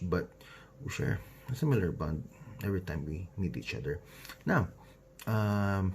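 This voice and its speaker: Filipino man, 20s, deep, hesitant and rambling on-camera intro, faint background noise. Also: a little mellow. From Philippines. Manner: rambling, hesitant, frequent fillers and self-corrections. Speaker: nurse vlogger. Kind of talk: casual self-introduction to camera.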